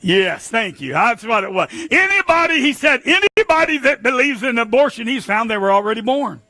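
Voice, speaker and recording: Older male pastor, lively emphatic sermon delivery, husky and high-pitched. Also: fairly quick. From United States. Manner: animated, emphatic preaching with sudden shouts.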